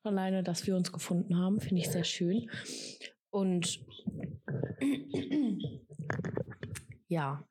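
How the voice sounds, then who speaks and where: A woman's voice: lowish voice, extremely slow, pauses often, mellow. A woman of twenty, an apprentice, co-hosting a casual podcast chat and talking in a friendly, slightly hesitant way. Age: 20s.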